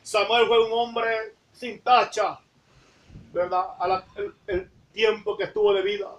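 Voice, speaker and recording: A woman preaching a sermon in a church, fervent, tagging nearly every phrase with a call to the congregation and rising to shouts at the high points. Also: level tone, measured pace, echoey room, far from the mic. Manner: fervent, repeats "hermano, ¿verdad?" after nearly every phrase; rises to shouting at emphatic points.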